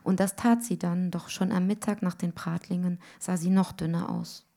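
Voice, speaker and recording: A woman reading a literary story aloud in a rhythmic way, often dropping to hushed tones. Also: lowish voice, steady tone, moderate pace, gravelly. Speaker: reader.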